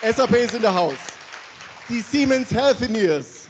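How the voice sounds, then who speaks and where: A man with a rather high voice opens a conference from a large hall, handheld mic in hand. He calls out names with animated energy, and a faint hiss sits under the sound. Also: moderate pace, a faint crowd. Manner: animated, calling out names to the audience. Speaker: conference host. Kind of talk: opening address at a conference. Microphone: handheld microphone.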